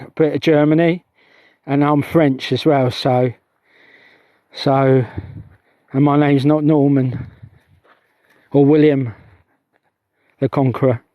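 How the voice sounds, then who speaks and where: Recorded dry with the highs cut off, a middle-aged man on a heath livestreams as a UFO-investigating vlogger, his voice on the high side. He's chatty and meandering, forever stopping mid-thought to start again.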